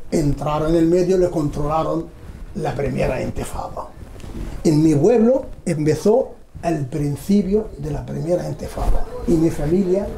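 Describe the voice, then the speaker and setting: Middle-aged man, dark gravelly tone, slow halting testimony, roomy echo. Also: fairly high pitch. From Palestine. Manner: measured, halting, with pauses. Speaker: documentary interviewee. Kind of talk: personal testimony. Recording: roomy echo, faint background hum.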